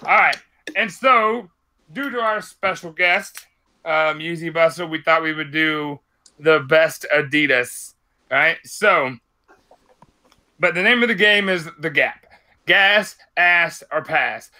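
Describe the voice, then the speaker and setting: Bright, loud-mouthed man in his thirties. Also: a little high, takes it slowly. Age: 30s. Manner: loud, profane, animated talker. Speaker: podcast host. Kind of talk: casual podcast banter.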